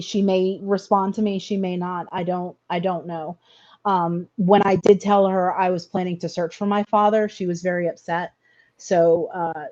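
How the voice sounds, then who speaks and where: A woman's voice: fairly low pitch, dark tone, muffled recording. A middle-aged woman telling a personal story in an interview, earnest and hesitant, often repeating words as she goes.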